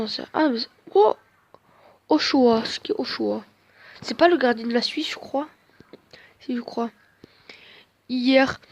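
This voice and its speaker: A woman's voice: a little high, a little mellow, highs cut off. A woman commenting on her own football video game, chatting casually and cheering her players on play by play. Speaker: gamer.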